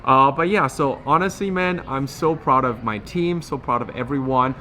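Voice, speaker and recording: A man's voice: mid-range voice, moderate pace, pushed and bright, a little hiss or hum. A man giving a casual, enthusiastic fitness recap to viewers, talking in slangy phrases with a slightly swollen lip. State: swollen lip affecting speech. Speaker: fitness challenge vlogger.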